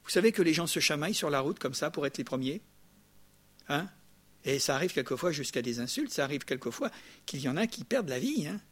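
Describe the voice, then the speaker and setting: An older man preaching a sermon in a lively, conversational way, often checking in with the congregation with quick asides. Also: on the high side. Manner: lively, chatty preaching with frequent "hein?" asides. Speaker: pastor.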